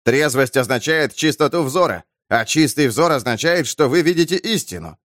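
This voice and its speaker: A man voicing a young male preacher who lectures and rouses a crowd in a high, excitable voice. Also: moderate pace, dry recording, studio quality. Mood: rousing. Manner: preaching, rousing, high-strung.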